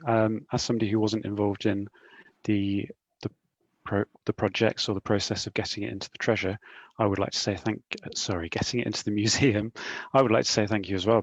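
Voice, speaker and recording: A man's voice: fairly low pitch, no room sound, highs cut off. A man moderating a panel discussion, polite and a little tongue-tied, introducing the next question.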